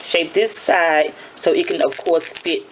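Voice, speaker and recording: Raspy, chatty woman. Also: sits low, a little slow, slight background noise, low-quality recording. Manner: chatty, repeats and self-corrects. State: early-morning raspy voice. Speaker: nail tutorial host. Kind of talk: casual hands-on tutorial.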